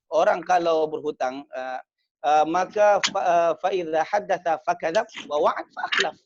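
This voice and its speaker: A man giving a short sermon, animated, often acting out debtors' excuses. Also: fairly high pitch. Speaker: preacher. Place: community gathering in New Zealand. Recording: dull lo-fi sound.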